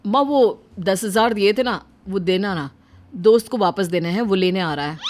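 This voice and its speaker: A woman's voice: mid-range voice, normal speed, a little mellow, slight background noise, lightly acted. A woman voicing a young man of the family, anxious and pressing. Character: young husband, son of the family.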